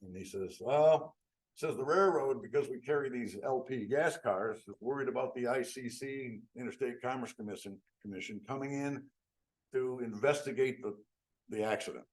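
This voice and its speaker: A man's voice: medium pitch, moderate pace. An older man from upstate New York, telling stories to a membership meeting in a folksy way and acting out the quotes. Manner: folksy, acts out quotes with rising excitement. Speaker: guest speaker. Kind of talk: storytelling talk.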